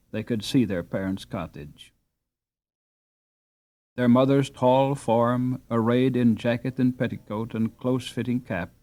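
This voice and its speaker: A man with a medium-pitched voice reads a story aloud as an audiobook narrator. His delivery is expressive and dramatic, in true storytelling fashion.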